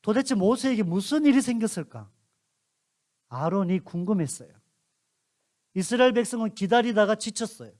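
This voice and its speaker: High-voiced man telling a Bible story to children. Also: lively intonation, moderate pace, long pauses, darkish tone. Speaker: pastor.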